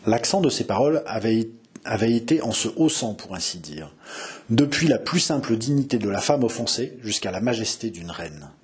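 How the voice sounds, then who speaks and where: A man narrating a classic novel as an audiobook, in a measured, expressive storytelling manner. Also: on the low side, slightly rough.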